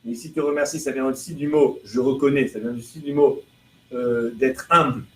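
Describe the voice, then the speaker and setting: Translating prayers one phrase at a time, a rabbi leads a live class and builds his explanations from strings of rhetorical questions, with listeners in the room. His mid-range voice is steady, a bit bright, and moderately paced. Faint background noise and room echo come through.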